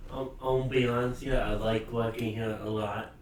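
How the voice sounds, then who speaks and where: A man on a camp work crew talks in a halting, hesitant way, stopping and restarting. He is picked up far from the mic in a roomy space, with a light hiss behind him. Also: mid-range voice, little pitch movement. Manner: halting, hesitant, full of fillers. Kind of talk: casual podcast chat. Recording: roomy, distant mic with faint noise.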